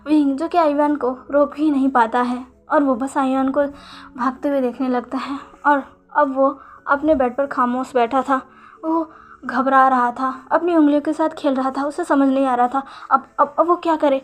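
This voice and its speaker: High-voiced young woman narrating fan fiction. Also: steady tone. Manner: informal, halting read-aloud with frequent restarts. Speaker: storyteller.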